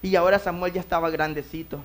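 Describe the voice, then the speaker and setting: Pastor, fiery sermon delivery, bursts loud then drops low, mid-pitched. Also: fairly even intonation, fast talker. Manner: swings between loud exclamations and low asides, acting out quotes. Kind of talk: evangelical sermon.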